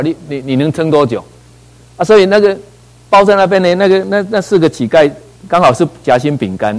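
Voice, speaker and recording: A middle-aged man preaches from the pulpit. His voice sits at an everyday middle pitch. He tells his stories with animation and keeps turning to his listeners with rhetorical questions. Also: a little mellow, low-quality recording. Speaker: pastor. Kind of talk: sermon.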